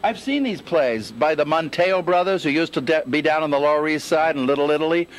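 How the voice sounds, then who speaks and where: A man's voice: a little high, a little hiss or hum, low-quality recording. A man reporting live for a morning news show from inside a puppet theater, joking and theatrical. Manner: theatrical, playful, quick to joke. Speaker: TV field reporter. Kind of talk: lively on-location morning news segment.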